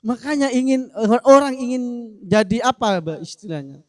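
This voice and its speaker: A man's voice: extremely high pitch, expressive, normal speed, no echo. A man in a casual discussion, answering in a playful, joking way. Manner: playful, joking, acts out example phrases. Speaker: discussion speaker answering a question.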